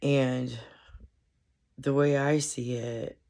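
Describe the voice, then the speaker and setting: A woman with a stuffed-up, congested voice, rambling through a casual solo commentary with halting, meandering speech and many fillers. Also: extremely low pitch, flat delivery, dark tone.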